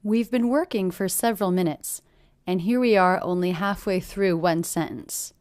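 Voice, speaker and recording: A woman teaching English pronunciation, clearly and deliberately repeating short phrases. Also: on the low side, steady tone, darkish tone, no echo, studio quality. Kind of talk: pronunciation lesson.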